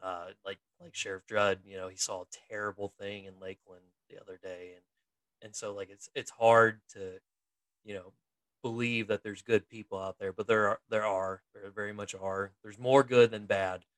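This man in his thirties co-hosts a casual podcast chat and works as a military investigator in the reserves. His voice is lowish and fairly bright, with little pitch movement and a normal pace, recorded without echo. He's chatty, laughing often and filling his talk with fillers and restarts.

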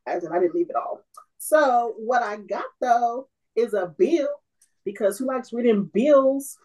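A woman's voice: on the high side, animated, a little slow, mellow, low-quality recording. A woman hosting a casual podcast chat, laid-back and giggly. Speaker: podcast host.

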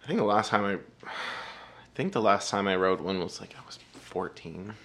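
A man chatting casually on a podcast as a guest, hesitant and full of fillers, joking with a deadpan delivery. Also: on the low side, normal speed, a little hiss or hum.

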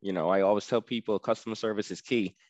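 Speaking a bit quickly in a fairly low, steady, darkish voice, a man describes his delivery work. He is a guest on a casual interview, the owner of a freight delivery business, and keeps it relaxed and chatty with frequent "you know"s. There's no echo.

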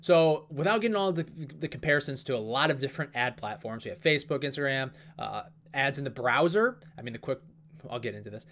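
A man talking fast and casually as he walks through an investment analysis, with plenty of fillers and asides. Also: mid-range voice, expressive, fairly bright tone. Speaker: investing video host. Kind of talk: casual stock analysis talk.

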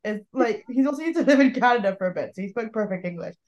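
A woman's voice: fairly high pitch, animated, fast talker, a little mellow. Chatty young woman telling a travel story. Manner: chatty storytelling, heavy use of "like", frequent laughter. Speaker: podcast co-host. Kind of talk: casual chat.

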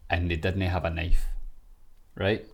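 A man's voice: sits low, flat delivery, a little slow. A man with a Glasgow street accent chatting casually and telling anecdotes in blunt, sweary language. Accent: Glaswegian Scottish.

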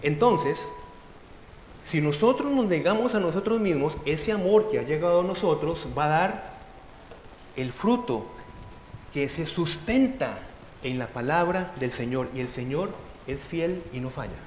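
A man's voice: a little high, expressive, measured pace, darkish tone. A man preaching a sermon, emphatic, calling his listeners brothers and sisters and posing rhetorical questions. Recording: echoey hall with faint background noise.

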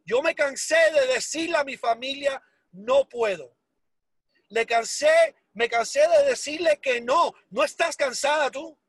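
Very high-pitched and a bit bright, this man speaks at a measured pace in a dry recording. Motivating a sales business, he gets emotional and emphatic, repeating words for force and mixing in English phrases.

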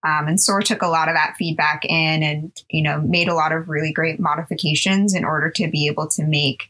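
A woman's voice: deep voice, fairly even intonation, brisk, bright, forceful tone. A young woman in her twenties, a sorority chapter president, answering interview questions in a chatty, upbeat way with many ums.

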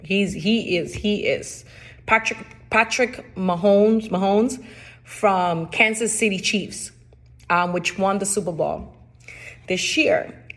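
Woman, Spanish accent, podcast host, casual monologue, chatty, emphatic, repeats phrases, mid pitch. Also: slow pace.

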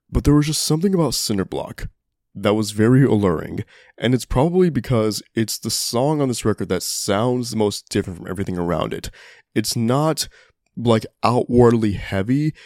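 A young man hosting a music podcast, counting down songs in an enthusiastic, profane, casual way, his voice a bit hoarse. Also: lowish voice, darkish tone, dry recording, studio quality. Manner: enthusiastic, profane, conversational with fillers. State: voice getting hoarse. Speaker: podcast host.

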